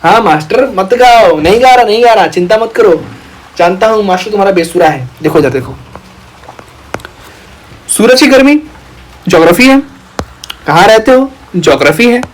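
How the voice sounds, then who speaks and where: A man's voice: high voice, animated, moderate pace, long pauses, rough recording. Young man, teacher, online lecture, playful, teasing, jokey. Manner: playful, teasing, jokes with students. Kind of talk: online exam-prep lecture.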